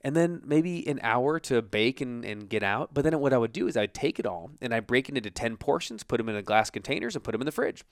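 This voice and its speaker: Recorded in a basement office yet sounding studio-quality with no room sound, an American coach and show host delivers an informal, emphatic motivational talk, voicing imagined self-talk. His mid-range voice is animated and quick, with hardly any pauses.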